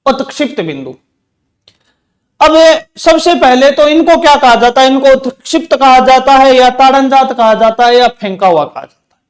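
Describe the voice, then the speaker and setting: A man teaching an exam-prep grammar lesson, repeating key terms and asking questions back to his students. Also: very high-pitched. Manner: says terms slowly, one by one.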